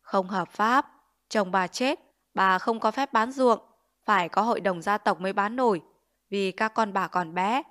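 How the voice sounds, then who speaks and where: Here the same storybook chief, greedy and bullying, comes across as sly as a woman reads the Vietnamese tale, sneering, blustering, and making extorting threats. She keeps a measured pace in a natural, mid-range voice with a touch of brightness.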